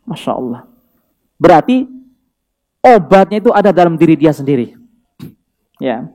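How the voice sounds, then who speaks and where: A man's voice: on the high side, big pitch swings, normal speed, dark tone. A male preacher giving a sermon, telling a story animatedly and sprinkling in Arabic phrases and chuckles.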